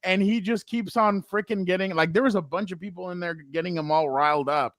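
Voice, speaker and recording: A man's voice: sits high, fairly even intonation, a bit bright, no room sound, studio quality. A man co-hosting a casual sports podcast, rambling and correcting himself as he recaps a game. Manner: rambling, self-correcting, quick laughs. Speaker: podcast co-host.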